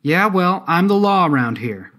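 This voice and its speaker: A man's voice: medium pitch, normal speed, a bit bright, pitched above the performer's own voice, natural voice. A man voicing a tough, swearing woman sheriff who covers her fear with brash bravado. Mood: shouting. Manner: brash, profane bravado over nerves.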